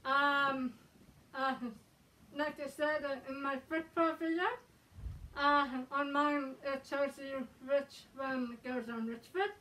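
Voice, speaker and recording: A woman's voice: sits high, fairly even intonation, slow, sharp tone. A woman speaking through a balaclava, talking casually and hesitantly with many ums and uhs while she demonstrates something. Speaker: fursuiter showing how to suit up. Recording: voice from a distance.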